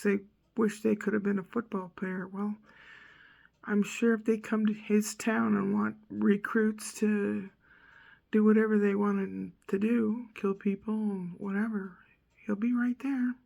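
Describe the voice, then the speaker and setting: A woman's voice: medium pitch, creaky, a little mellow. A woman in her sixties giving a casual, opinionated rant in a rambling, blunt and emphatic manner. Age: 60s. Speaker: vlogger.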